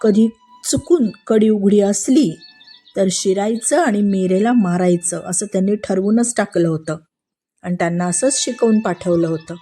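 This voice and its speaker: A woman narrating a devotional story in an expressive, repetitive storytelling manner. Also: mid-range voice, normal speed, breathy edge, soft background music.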